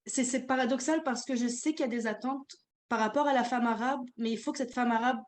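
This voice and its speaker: A woman's voice: fairly high pitch, brisk. A woman poet speaking on an online panel, hesitant and full of fillers.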